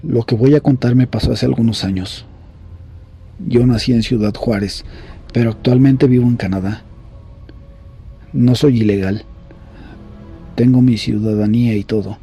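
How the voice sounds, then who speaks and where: A man reading horror stories aloud in a grave, measured storytelling voice. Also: medium pitch, fairly even intonation, warm tone, breathy edge, faint music behind. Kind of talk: scripted horror story narration.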